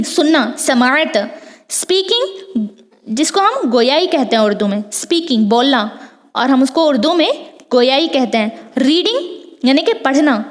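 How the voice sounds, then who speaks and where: A woman teacher going through exam questions, explaining each term in Urdu and English with many repetitions. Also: high voice. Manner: explains terms by repeating them in Urdu and English. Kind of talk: exam question walkthrough lesson. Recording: long hall reverb.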